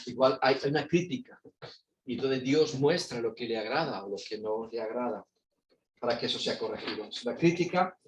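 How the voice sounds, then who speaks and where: A man teaching a Bible class, animated and acting out voices with sudden shouts. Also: mid-range voice, a little fast. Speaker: preacher. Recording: echoey church room, faint noise.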